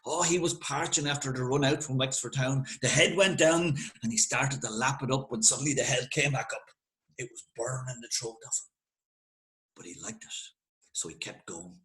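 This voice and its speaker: A man with an Irish accent telling a folk tale in a lively, conversational way with dramatic pauses. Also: mid-range voice, low-quality recording. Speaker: storyteller. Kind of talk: spoken folk tale narration.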